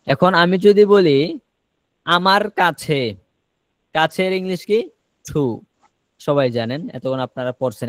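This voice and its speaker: A man from Bangladesh teaching an online spoken-English class, firing short prompts at students and repeating words slowly for them. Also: on the high side, no echo.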